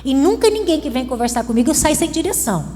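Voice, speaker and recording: A woman's voice: sits high, sing-song, fast talker, mellow, slight background noise. A woman pastor with a Brazilian Portuguese accent, preaching a sermon with bursts of emphasis and playful asides. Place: church. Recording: long reverb of a church hall.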